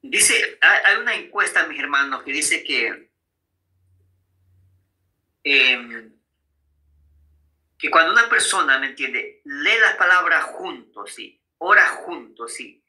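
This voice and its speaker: A man's voice: on the high side, lively intonation, slow, long pauses, sharp tone, low-quality recording. A man preaching a sermon on marriage, often checking in with his listeners and calling them brothers. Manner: frequent tag questions to listeners.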